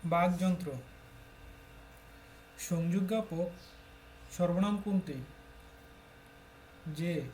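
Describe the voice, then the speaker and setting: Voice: medium pitch, steady tone, takes it slowly, pauses often, a little mellow, slight background noise. A tutor from Bangladesh steadily reading exam questions aloud and announcing each answer in turn.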